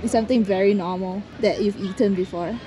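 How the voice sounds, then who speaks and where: A woman's voice: mid-range voice, fairly even intonation, brisk. A woman travel vlogger chatting casually outdoors, laughing often and asking curious questions, recorded on a handheld camera. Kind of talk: casual chat. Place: outdoors in a town park. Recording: outdoor street noise.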